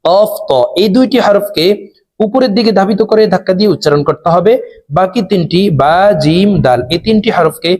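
A man's voice: high-pitched, a little fast, a little mellow. A man teaching Quran recitation step by step, spelling out each letter patiently and drawing out the long vowels.

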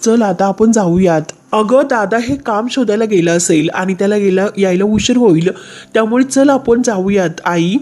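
A woman's voice: mid-range voice, normal speed, darkish tone, natural voice. A woman reading a reassuring young son.

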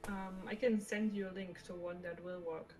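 A woman's voice: mid-range voice, fairly even intonation, normal speed, a little mellow. A woman chatting casually while gaming, teasing the others and laughing easily. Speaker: co-host of a game chat. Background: music.

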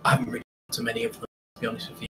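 A man's voice: rapid-fire, noisy background. A young man from a university motorsport team chatting casually and hesitantly on a voice call, his mic volume uneven and cutting in and out. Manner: relaxed, trailing off and hesitating. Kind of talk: casual chat on a livestream call. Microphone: headset or desk mic on a voice call, partly blocked.

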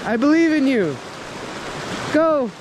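Male outdoor vlogger, casual and chatty, high-ish unhurried voice; field recording with heavy creek noise. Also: very animated. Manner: chatty, laid-back, talks to his dog. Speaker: hiking vlogger. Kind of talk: casual outdoor vlog narration. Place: outdoors by a rushing creek in pine woods. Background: rushing creek water.

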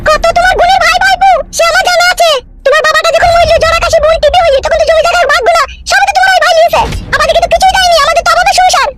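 A woman voicing a bitter, quarrelsome village aunt in a comedy cartoon, screeching and scolding without pause. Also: very high-pitched, steady tone, heavy background noise, voice pushed up. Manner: screeching, scolding rapid-fire.

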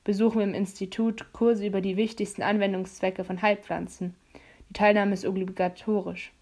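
A woman's voice: medium pitch, flat delivery, a little fast, darkish tone, natural voice. A woman reading a storybook aloud, voicing a cocky teenage boy demon hunter who talks down to others in a smug, curt way.

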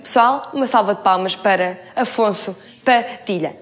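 A woman's voice: medium pitch, moderate pace. A woman hosting a comedy show, introducing comedians with joking, teasing banter. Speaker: show host.

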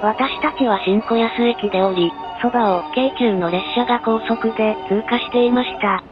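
A woman's voice: a little high, moderate pace, muffled recording. A woman reading scripted narration for a travel vlog. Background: loud music.

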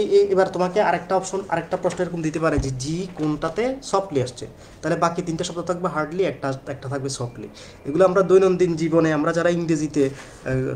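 A man's voice: fairly high pitch, a little hiss or hum. A man giving a casual exam-prep lecture in Bengali, chatty and repetitive, talking straight to his students. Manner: chatty, repeats points, addresses students directly. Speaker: admission test tutor.

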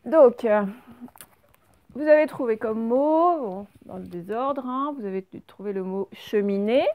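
A middle-aged woman, a primary school teacher giving a slow, patient spelling lesson with many fillers. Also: fairly high pitch, dull audio. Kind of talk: recorded spelling lesson for young pupils.

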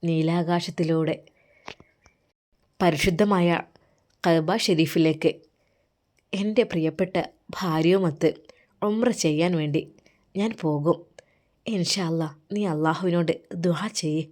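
A woman voicing a gentle, devout cleric husband who speaks softly and reassuringly. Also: lowish voice, steady tone, takes it slowly, long pauses. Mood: tender. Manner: soft, reassuring.

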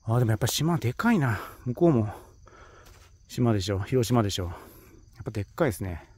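Talking fast with lively intonation, a Kansai-accented vlogger chats to himself and exclaims while hiking a rocky hillside, filming on a handheld phone. His medium-pitched voice has a darkish tone and a breathy edge.

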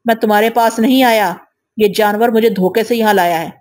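A woman's voice: on the high side, a little mellow, natural voice. Young guy standing his ground, woman reading him, firm and scornful, audio story. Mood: defiant. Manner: firm, contemptuous. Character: defiant young man, the story's hero.

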